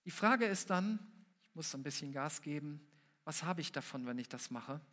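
A man's voice: a little high, lively intonation, normal speed, a bit bright, in a large hall. A man preaching a sermon, earnestly addressing the congregation and building his points through repetition. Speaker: pastor.

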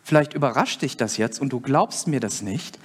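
A man's voice: mid-range voice, expressive, normal speed, husky. A man preaching a sermon, earnestly explaining and putting questions to his listeners. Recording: long hall reverb.

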